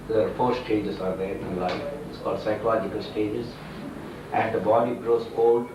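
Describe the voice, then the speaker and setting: A swami with an Indian accent officiates a wedding, giving a religious discourse in a lowish voice. His delivery is didactic and halting, built on simple explanations. The mic sits far from him in a very echoey room, and the recording is noisy.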